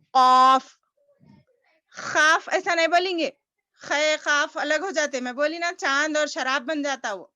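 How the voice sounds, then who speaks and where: Over dull, lo-fi online call audio, a woman teaches a recitation class by video, patiently repeating each sound for her students. Her voice sits high, bright and forceful, with no echo.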